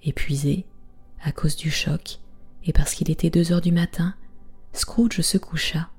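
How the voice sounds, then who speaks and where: A woman in whispered bedtime storytelling, reading aloud in a soft, hushed way. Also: low voice, fairly even intonation, a little slow, breathy edge, soft background music.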